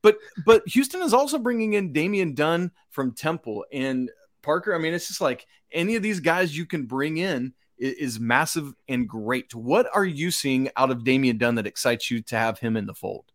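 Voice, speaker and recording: A man's voice: on the high side, lively intonation, moderate pace, dry recording, clean studio sound. A man with a Georgia accent hosting a sports podcast, exclamatory and folksy, addressing listeners like buddies. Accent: Georgia, American South. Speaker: podcast host.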